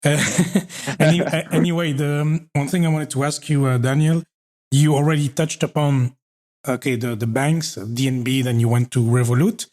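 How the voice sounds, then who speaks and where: A Belgian podcast host conducts a casual interview, asking questions conversationally and frequently backchanneling. His mid-range voice is steady and darkish in tone, at a moderate pace.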